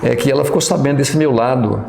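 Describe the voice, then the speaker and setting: A middle-aged man with a Brazilian Portuguese accent, a pastor and professor, recalls his past in a reminiscing interview. His medium-pitched voice is fast, creaky and darkish, in a reverberant recording with a little hiss or hum. He talks hesitantly, with many fillers and restarts.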